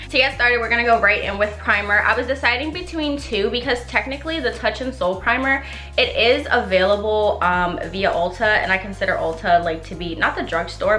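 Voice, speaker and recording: This is casual makeup tutorial chatter from a young woman who vlogs about beauty, her talk wandering and playful. Her mid-range voice is sharp-toned and a bit stuffy and nasal, with reverb around it.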